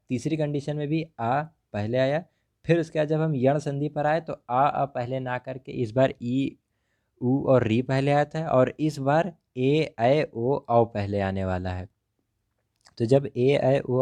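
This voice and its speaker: A man's voice: mid-range voice, warm tone. A male teacher explaining grammar examples step by step, repeatedly asking what a word becomes before answering it himself. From India.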